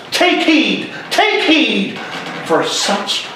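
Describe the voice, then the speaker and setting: A man acts out a stern, exasperated friar in a Shakespearean stage play. The voice swoops high and declaims emphatically, in slow, deliberate phrases. It rings around a very echoey hall, picked up from a distance. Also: very animated, exaggerated voice. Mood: urgent, admonishing. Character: stern exasperated male friar scolding a despairing young man. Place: large hall, live stage. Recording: echoey hall, distant mic, faint noise.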